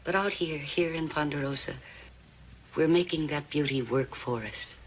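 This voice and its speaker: Playing a middle-aged, genteel mother in a 1960s TV western, an actress coaxes and pressures her daughter as an ambitious, controlling, weary schemer. Her low voice is lightly acted at a moderate pace, and the poor audio carries slight background noise.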